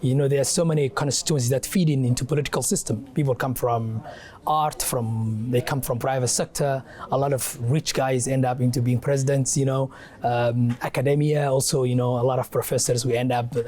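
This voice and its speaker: A young man from Somalia speaks as an interview guest, his voice mellow and warm. He talks haltingly, filling pauses with "um" and "uh" and restarting his phrases often. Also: mid-range voice, steady tone. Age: young adult. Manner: halting, many fillers and restarts. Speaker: guest, adviser and academic. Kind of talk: interview answer.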